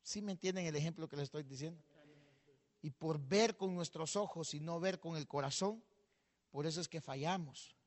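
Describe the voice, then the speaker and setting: A male pastor telling a parable in a sermon, rising to a shout and having the congregation repeat after him. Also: a little high, moderate pace, in a large hall. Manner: storytelling, shouting when stirred, calls on the congregation to repeat.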